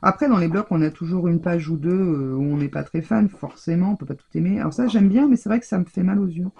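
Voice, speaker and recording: A woman's voice: on the low side, fast talker, gravelly, dark tone, dull audio, slight background noise. A woman chatting casually in a haul video from her home craft room, talking with lots of hesitations and fillers. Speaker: scrapbooking vlogger.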